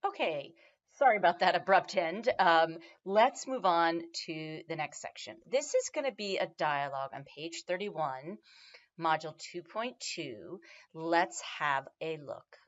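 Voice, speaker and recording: A woman introducing sections of a language lesson in a relaxed, conversational way. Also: on the low side, a little slow. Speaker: language teacher. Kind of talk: lesson narration. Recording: dull lo-fi recording.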